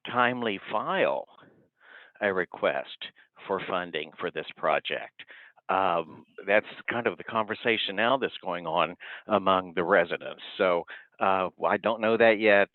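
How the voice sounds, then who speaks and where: A man speaking over the phone, giving halting, polite public comment at a county meeting. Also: lowish voice, dry recording. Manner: halting and polite, often trailing off. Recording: tinny dry phone line.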